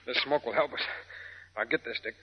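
An actor playing a level-headed crime-fighting hero, giving clipped, urgent orders in 1940s radio style. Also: male voice, mid-range voice, brisk, husky, natural voice. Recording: muffled old radio recording.

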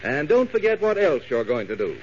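A man's voice: fairly high pitch, sing-song, fairly quick. Emphatic old-time male radio announcer, muffled. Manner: emphatic, promotional delivery. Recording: muffled, faintly noisy vintage radio recording.

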